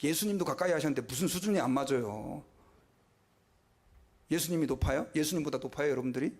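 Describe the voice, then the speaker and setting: Korean pastor preaching, slightly high voice. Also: male voice, animated, fast talker, darkish tone. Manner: conversational preaching with rhetorical questions and mock quotes. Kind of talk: sermon.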